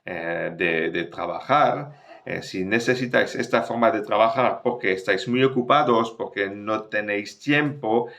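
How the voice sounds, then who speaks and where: Male French-native tutor, unhurried and hesitant, explaining patiently in a fairly low voice. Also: vocal fry, fairly bright tone. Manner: slow, explanatory, many hesitations. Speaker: French teacher. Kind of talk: online language lesson.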